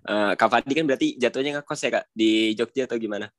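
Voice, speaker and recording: A man's voice: mid-range voice, fast, a bit bright, no echo. A man asking questions casually in an online group chat over a video call.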